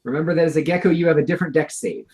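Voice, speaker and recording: A man's voice: fairly high pitch, fairly even intonation, rapid-fire, darkish tone, poor audio. A man running a tabletop game as game master over a video call, narrating with wry humor and calling rules. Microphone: home computer mic on an online video call.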